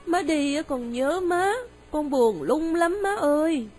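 A woman's voice: high-pitched, lively intonation, slow, darkish tone, faint music behind, pitched above the performer's own voice. An actress in a radio drama voicing a sick little girl who pleads with her mother in a small, childlike way. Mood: pleading.

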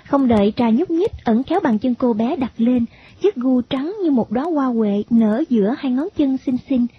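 A woman narrating a story in an even, expressive reading. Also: high voice, moderate pace, slightly rough. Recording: dull lo-fi recording.

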